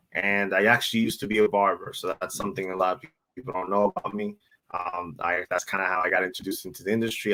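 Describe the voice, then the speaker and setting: A man in his thirties from the Dominican Republic, talking casually as a guest financial advisor. His speech is relaxed and loose. He restarts and repeats words as he thinks and keeps checking in with "right?". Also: fairly low pitch, low-quality recording. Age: 30s. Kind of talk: casual interview talk.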